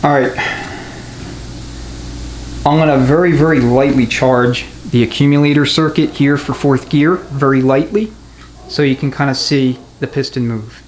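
A transmission mechanic who also teaches gives a practical tutorial in a medium-pitched voice, keeping a fairly even intonation and moderate pace. He sounds matter-of-fact and conversational, and the indoor garage workshop adds echo and clear background noise.

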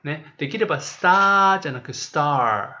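A man teaching a review lesson to children in Japanese, saying words slowly and repeating them. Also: fairly high pitch, animated, fairly bright tone. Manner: explains slowly in Japanese, then says and repeats English words. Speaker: English teacher. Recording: dull lo-fi recording.

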